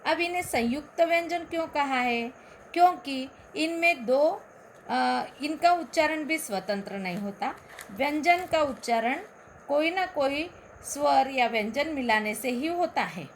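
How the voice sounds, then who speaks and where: A woman schoolteacher with a Marathi accent, a native Marathi speaker, reciting and explaining the letters of the alphabet in a slow, carefully enunciated lesson. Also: high-pitched, lively intonation, slight background noise. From Maharashtra, India. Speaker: school Hindi teacher. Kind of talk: recorded lesson.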